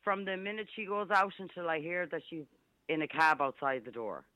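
A woman's voice: fairly low pitch, lively intonation, brisk, no echo. Blunt west of Ireland woman on a phone. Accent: west of Ireland, Galway. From Galway, west of Ireland. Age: 50s. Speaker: radio phone-in caller. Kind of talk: casual, opinionated phone-in chat. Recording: dull phone line on radio.

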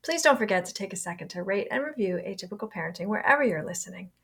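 A middle-aged woman with a raspy, hoarse voice from a cold, hosting a podcast and chatting in a rambling way. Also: mid-range voice, lively intonation, very fast, a bit bright. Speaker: podcast host and psychiatry professional. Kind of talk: podcast intro and interview chat.

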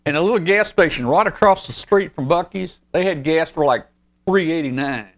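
Excitable man telling stories. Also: on the high side, normal speed. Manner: excitable, enthusiastic storyteller. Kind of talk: casual group chat.

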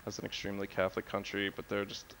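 An American man in his thirties, a guest on a travel podcast, talking in a relaxed, rambling way with many fillers. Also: on the low side, very fast, gravelly, slight background noise, low-quality recording. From United States. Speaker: guest, city guide editor. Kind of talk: casual podcast interview.

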